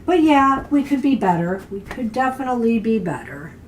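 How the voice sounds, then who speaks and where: A woman's voice: fairly high pitch, big pitch swings, moderate pace, slight background noise. A woman co-hosting a casual tarot live stream, chatty, encouraging and upbeat as she reads cards for viewers. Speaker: tarot reader, co-host.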